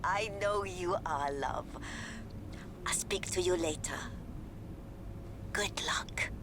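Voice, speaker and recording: A woman voicing a doting mother of a young racing driver, speaking in a soft, fussy, affectionate way with a British accent. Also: lowish voice, takes it slowly. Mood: fond. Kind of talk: video game cutscene dialogue. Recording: game audio with clear background noise.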